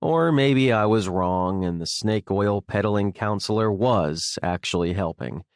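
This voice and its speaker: A man's voice: fairly low pitch, a little slow, clean tone, dry recording. A man narrating an audiobook in the first person with a wry, sardonic delivery, recorded on a close studio mic.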